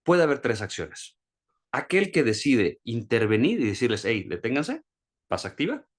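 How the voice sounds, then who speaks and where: A man's voice: very animated, moderate pace. Man explaining a concept in class. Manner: explanatory, repeats words, shifts pitch for examples. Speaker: course instructor. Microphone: video call.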